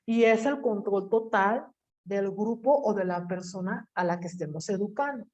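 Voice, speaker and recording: A woman's voice: medium pitch, moderate pace, darkish tone. A woman teacher, lecturing an online class over a video call and quizzing her students with everyday examples.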